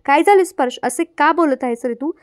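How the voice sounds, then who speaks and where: A woman's voice: high voice, fairly quick, no room sound, studio quality, close to an everyday voice. A woman reading the lines of a distraught young woman in love, pleading and tearful.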